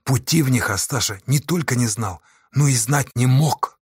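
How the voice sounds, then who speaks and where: Husky male audiobook narrator. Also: mid-range voice, moderate pace, no echo, studio quality.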